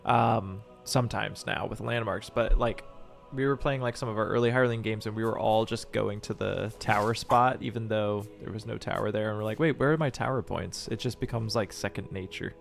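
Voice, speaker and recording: A man hosting a live stream of a board game, commentating as he plays and bursting into shouts and laughter. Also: lowish voice, steady tone, a little fast, vocal fry, faint music behind. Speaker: streamer and channel host.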